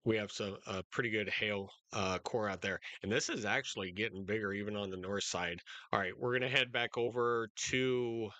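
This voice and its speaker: A man hosting live storm coverage in a casual, unscripted, halting way, speaking directly to his viewers. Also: fairly low pitch, sharp tone, dry recording. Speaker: storm-coverage livestream host.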